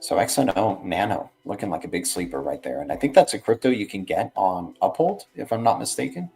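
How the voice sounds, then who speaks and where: Male streamer, deeper side, informal rambling commentary with slangy check-in tags, light music bed. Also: lively intonation, brisk, creaky, a little mellow. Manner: rambling, slangy, often ends phrases with "right" and "man". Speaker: livestream host. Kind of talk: casual livestream market commentary.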